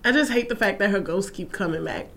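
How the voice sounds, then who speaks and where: A woman's voice: medium pitch, fast talker, creaky, fairly bright tone. A woman co-hosting a podcast in casual chat, chatty and opinionated, laughing often. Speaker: podcast co-host.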